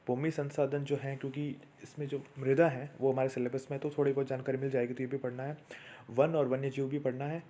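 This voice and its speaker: Man, exam tutor, steady listing delivery, flat, dark tone. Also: medium pitch. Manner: steady list-like delivery, addresses viewers as friends. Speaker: exam prep teacher. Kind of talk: exam syllabus walkthrough.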